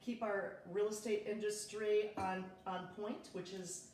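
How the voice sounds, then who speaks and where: A woman's voice: mid-range voice, fairly even intonation, unhurried, darkish tone, far from the mic, a little hiss or hum. A woman in her thirties, a realtor chatting casually on a livestream from her kitchen and greeting viewers by name. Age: 30s. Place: home kitchen. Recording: echoey room, from off-mic.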